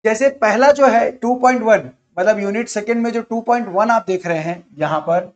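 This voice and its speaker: A man with a high-pitched voice gives an online exam-prep lecture. He walks through the syllabus in an explanatory way, repeating himself as he lists each topic. The recording sounds dull and lo-fi. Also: normal speed. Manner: repetitive, explanatory, enumerating topics. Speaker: teacher.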